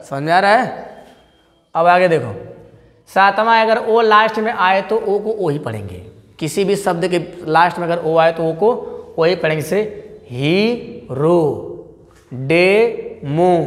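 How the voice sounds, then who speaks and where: A man teaching an English pronunciation lesson in a classroom style, asking questions again and again and repeating example words. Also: sits high. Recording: long hall reverb.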